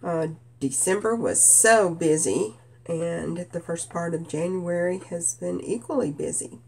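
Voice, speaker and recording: A woman from Kentucky with a cold and a nasal voice, chatting gently about her stitching projects with many "uh" fillers. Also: lowish voice, vocal fry, husky. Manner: gentle, unhurried, frequent "uh" fillers. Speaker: stitching vlogger. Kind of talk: casual show-and-tell chat.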